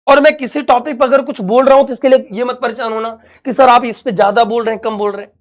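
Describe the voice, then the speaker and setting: Speaking fast in a very high, steady voice, this young man leads an online physics lesson. His manner is talkative and comforting, and he addresses the students as his dear children.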